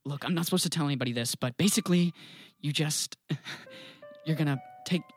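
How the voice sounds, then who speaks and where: A woman's voice: low voice, a little fast, husky, no echo, studio quality, soft background music. A woman playing an apologetic insurance clerk in improvised comedy, hesitant and confidential. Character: apologetic insurance clerk secretly helping a customer.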